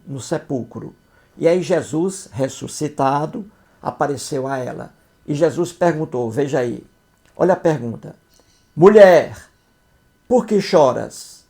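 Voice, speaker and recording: A man's voice: mid-range voice, gravelly, dark tone. A man giving critical commentary on scripture, explaining it in a didactic, scornful way and often checking that listeners follow. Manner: didactic, repeats points, asks "entendeu?"; scornful, mocking. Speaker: video commentator.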